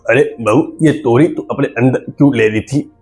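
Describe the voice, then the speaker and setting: A woman doing a gravelly stammering old father-in-law. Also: a bass voice, normal speed, darkish tone, faint music behind, pitched below the performer's own voice. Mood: scolding. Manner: stammering, indignant scolding.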